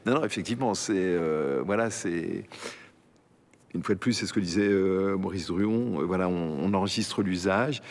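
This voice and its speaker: A man's voice: deep voice, normal speed, darkish tone. A man answering hesitantly in an interview, with many fillers.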